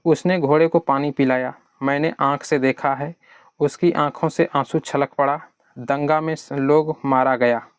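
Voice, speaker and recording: A man's voice: fairly high pitch, fairly even intonation, measured pace, clear, resonant tone, no room sound, studio quality. Conversational male teacher. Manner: conversational, voices students' answers to himself. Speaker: exam prep teacher. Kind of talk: explanatory exam lesson.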